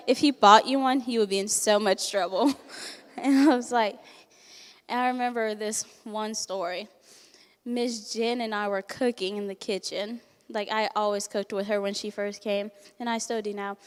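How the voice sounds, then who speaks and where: A teenage girl, not a native English speaker, speaks candidly at a banquet as a resident giving her testimonial, often laughing and playing out what people said. Her voice is on the high side and carries through a large hall.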